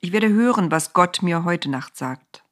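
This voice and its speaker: A woman voicing a calm, steadfast male seer in a storybook reading, speaking firmly. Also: fairly low pitch, a little slow. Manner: calm and firm.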